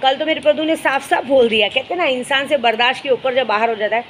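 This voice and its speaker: A woman's voice: high-pitched, fast, a bit bright, a little hiss or hum, rough recording. A woman speaking, a spiritual guide chatting casually to her followers and telling stories with fond asides. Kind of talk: casual vlog chat to followers.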